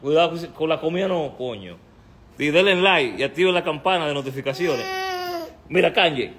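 A Dominican man banters on a live stream, his voice sitting fairly high and often climbing into squealing baby talk as he teases his son. He laughs easily. A faint hiss runs under the recording. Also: lively intonation, normal speed, fairly bright tone. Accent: Dominican Spanish. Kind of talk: playful live-stream chat.

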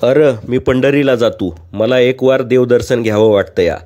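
A man voicing a frail, humble old male pilgrim who speaks in soft rustic village speech. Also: medium pitch, normal speed, close to an everyday voice. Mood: pleading. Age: older.

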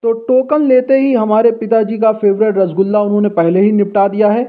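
Guy vlogging food, fairly high voice, tinny phone-line sound. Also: steady tone, fairly quick. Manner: chatty, guiding the viewer along. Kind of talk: casual walking food-vlog narration. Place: outdoor street and busy food shop. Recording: tinny phone-like street recording.

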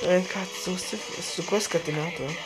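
A man giving excitable live gameplay commentary as a gaming channel host, swearing a lot and repeating words in rapid bursts. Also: high-pitched.

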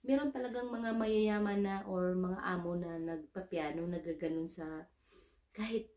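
A woman's voice: fairly low pitch, normal speed, a little mellow, roomy sound. A Filipino woman, a domestic worker abroad, telling a casual story and acting out her own dialogue. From Philippines. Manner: chatty, mixes English into Tagalog, acts out dialogue.

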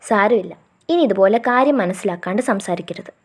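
A woman reading the lines of a caring young man who scolds his girlfriend gently and then reassures her. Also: medium pitch, animated, fairly quick, slightly rough. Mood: gentle.

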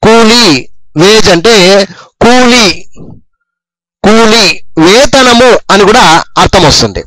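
Man, English phonics teacher, slow repetitive dictation, lively high voice, dry close sound. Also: no room sound, low-quality recording. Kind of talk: phonics lesson explained in Telugu.

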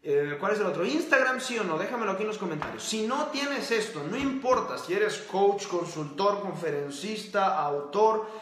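Animated and high-pitched with a somewhat bright tone, a man delivers an emphatic motivational talk to camera in a roomy-sounding space. He leans on repeated key phrases and quick yes-or-no questions for the audience.

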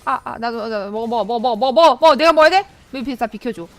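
A woman streaming a game, excitably commenting, yelping and chattering at her own play. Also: fairly high pitch, rapid-fire. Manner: excitable, yelps and chatters at the screen. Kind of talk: live gameplay commentary.

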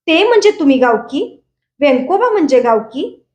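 A woman's voice: sits high, sing-song, moderate pace, echoey room. A woman reading aloud in the voice of a hot-tempered young village man who hurls defiant accusations. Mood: furious. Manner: defiant, loud accusing outbursts.

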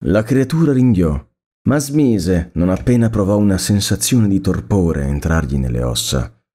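A man reads a story aloud in a measured, expressive way. His voice is low and mellow. His pitch moves in lively arcs as he tells it. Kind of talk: scripted story narration.

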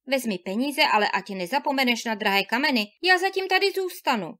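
A woman reading a fairy tale aloud, voicing an eager young wife who urges her husband on quickly. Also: high-pitched, expressive, a bit bright. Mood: urging. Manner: quick, urging.

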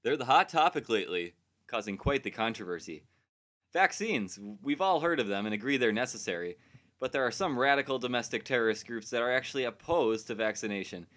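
A man playing a parody news anchor, earnest and deadpan, reading a scripted satirical newscast. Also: mid-range voice, brisk, close to an everyday voice.

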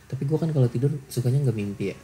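A man's voice: mid-range voice, racing, warm tone. A young man co-hosting a podcast, chatting in a laid-back, slangy way. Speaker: podcast co-host. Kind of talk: casual chat.

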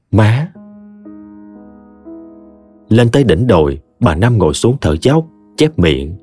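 Male audiobook narrator, very animated intonation, dry close sound, soft music underneath. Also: on the low side, slightly rough, no echo. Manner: expressive, animated reading. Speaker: storyteller.

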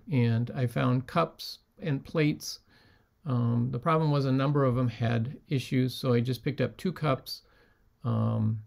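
A man at a middle pitch with a gravelly edge to his voice. He talks in a relaxed, chatty way, filling pauses with ums as he shows what he sold. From United States. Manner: relaxed, many ums, holds up items. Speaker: reseller showing sold items. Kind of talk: casual vlog talk.

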